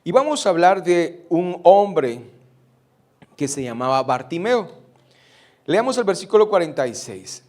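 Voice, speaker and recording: High-voiced pastor preaching. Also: male voice, very animated, measured pace, pauses often, a little mellow. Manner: preaching with rhetorical questions to the congregation. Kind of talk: sermon.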